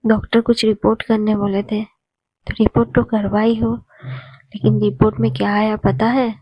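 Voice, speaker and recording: A woman voicing a gentle, loving middle-aged mother who speaks in a soft, hushed way. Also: mid-range voice, flat delivery, moderate pace, husky, no room sound, lo-fi sound, close to an everyday voice. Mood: worried.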